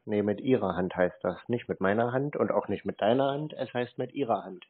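A man with a low, slightly rough voice and a brisk pace takes calls as a scambaiter, a native German speaker. He keeps the chat casual and playfully feigns naivety, heard through muffled phone-like audio.

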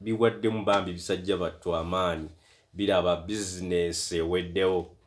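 A man with a Ugandan accent retelling a book as storyteller, switching between reading and chatty asides. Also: fairly low pitch. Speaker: storyteller and translator. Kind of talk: retelling a book in English and Luganda.

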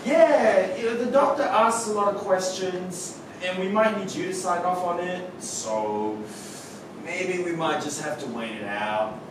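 An actor voices Adam, a joking, anxious son, in a theatre-stage reading where he teases his mother before turning alarmed and shouting. His voice is high, expressive, and unhurried. A far-off camera without any visible mic picks up a noisy, echoey hall.

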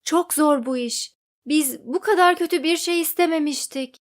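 Woman reading a bunch of panicky talking appliances crying out, high voice. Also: normal speed, close to an everyday voice. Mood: wailing. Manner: wailing. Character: chorus of distressed kitchen appliances.

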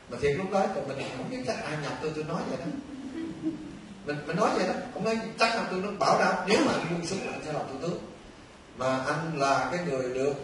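An older Vietnamese man, a Buddhist monk, giving an animated storytelling dharma talk to a temple audience. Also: a little high. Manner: animated, conversational, addresses listeners often. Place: temple hall. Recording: echoey distant hall recording with faint noise.

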